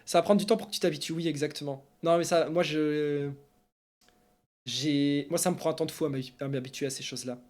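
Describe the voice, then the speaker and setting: A man's voice: a little high, a little fast. A man, streaming esports news and answering viewers in casual, rambling chat full of fillers. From Belgium. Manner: chatty and animated, rambling with many fillers.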